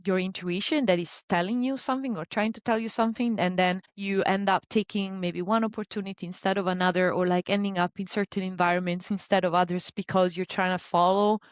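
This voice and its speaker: A woman in her thirties from Italy, a business coach talking about her career in a relaxed, chatty way with many fillers. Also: mid-range voice, brisk, hardly any pauses, no echo, dull audio. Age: 30s. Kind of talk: conversational interview.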